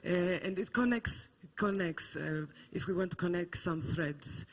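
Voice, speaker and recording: Husky guy moderating a panel, rambly and thoughtful. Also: sits high, moderate pace, a bit bright. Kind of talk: public panel discussion.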